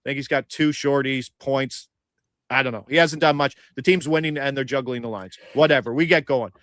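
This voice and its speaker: A man's voice: medium pitch, fairly quick, fairly bright tone, dry recording, clean studio sound. A young man hosting a sports betting chat, feisty and argumentative, firing off stats.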